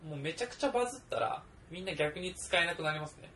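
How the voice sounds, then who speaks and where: A young man co-hosting a casual podcast chat, animated and quick to laugh. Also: on the high side, a little hiss or hum. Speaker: podcast co-host.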